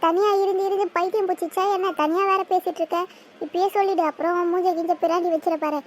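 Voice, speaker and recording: A woman voicing a loud, whiny teenage village girl in a cartoon, who shouts and teases. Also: steady tone, fast. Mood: shrill teasing. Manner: shrill shouting and teasing. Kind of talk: cartoon voice acting.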